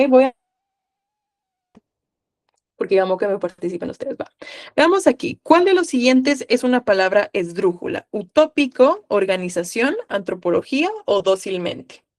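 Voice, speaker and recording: An upbeat woman with a Guatemalan accent teaches a live online class, checking in with her students and prompting them to answer. She talks at a middling pitch. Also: lively intonation, normal speed, pauses often, a little mellow. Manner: upbeat, coaxing questions to students. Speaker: online tutor.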